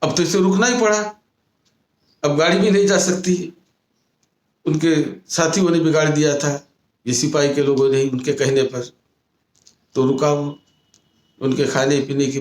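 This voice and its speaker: Retelling a moral story slowly during a sermon, a man who is a Buddhist monk frequently restates his phrases. His voice is on the high side, and the recording is reverberant.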